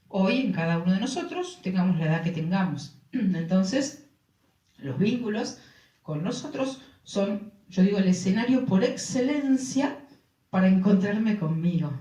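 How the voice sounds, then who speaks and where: A woman's voice: medium pitch, mellow. Rioplatense woman addressing an audience. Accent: Rioplatense Spanish. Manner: keeps checking in with rhetorical questions to the audience. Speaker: speaker on relationships. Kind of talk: talk to a live audience. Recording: roomy sound from a distant mic.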